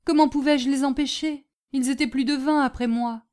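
A frail, bullied schoolboy speaks in a plaintive tone, as a woman reader voices him. The voice is raised high above a plain speaking voice. It has a storybook reading feel. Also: fairly even intonation, normal speed, darkish tone, natural voice. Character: frightened, bullied young schoolboy.

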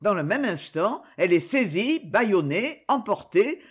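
A woman reading a novel aloud with a theatrical touch, her pitch rising and falling vividly across each phrase. The delivery is dramatic and drawn out. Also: moderate pace, slightly rough. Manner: expressive, theatrical. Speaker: audiobook narrator.

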